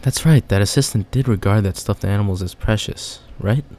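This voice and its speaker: A young man with a lowish, mellow voice speaks briskly while gaming casually, reading the text and then making fun of it in a chatty manner. A slight hiss or hum can be heard.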